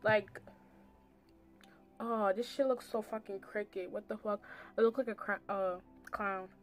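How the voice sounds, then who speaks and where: A woman's voice: mid-range voice, steady tone, measured pace. A young adult woman giving a rambling, slangy, casual storytime as she does her makeup, with lots of "like". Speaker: makeup vlogger. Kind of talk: casual chatty storytime while doing makeup. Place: small indoor room. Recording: music playing in the background. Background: music.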